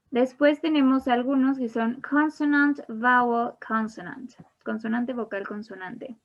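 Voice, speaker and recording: A woman teaching an online English grammar class, explaining each rule in English and then again in Spanish. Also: on the high side. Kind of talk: bilingual online grammar lesson. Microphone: online class computer mic. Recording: dull lo-fi online class audio.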